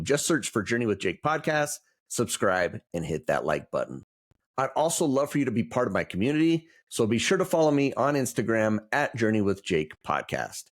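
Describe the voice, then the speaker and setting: A man hosting a travel podcast, reading his intro and welcoming a guest in an enthusiastic, friendly way. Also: medium pitch. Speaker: podcast host. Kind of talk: upbeat podcast intro and interview.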